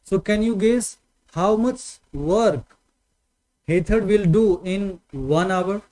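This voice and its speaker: Slow, high-pitched Indian maths teacher. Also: male voice, mellow, low-quality recording. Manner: patient, repetitive explaining with check-in questions. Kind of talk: online maths lesson.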